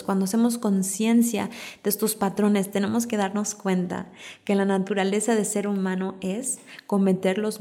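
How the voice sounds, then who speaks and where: A woman hosting a podcast, giving a calm, reflective self-help talk that builds through repeated everyday examples. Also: mid-range voice. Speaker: podcast host.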